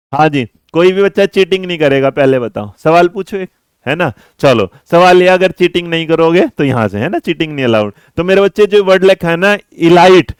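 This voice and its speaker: A man's voice: fairly high pitch, clear, resonant tone, no echo, clean studio sound. A man from India teaching an online exam-prep class in a playful, teasing way, calling his viewers his children.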